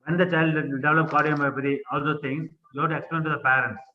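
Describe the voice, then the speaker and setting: Doctor guy on speakerphone, phone-thin and echoey, faint hiss, talks really slow. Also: on the high side, fairly even intonation, highs cut off. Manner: slow, repetitive, polite phrasing. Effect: heard through a phone on speakerphone. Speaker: senior doctor giving feedback in an online clinical class. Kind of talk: unscripted teaching remarks.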